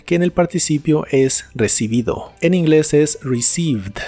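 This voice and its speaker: A man narrating an English lesson in a mellow, somewhat raised voice, slowing right down to repeat each word for pronunciation. Light music plays softly under his voice. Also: fairly high pitch. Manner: slow, careful word-by-word pronunciation drills. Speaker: English teacher. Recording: soft music behind the voice.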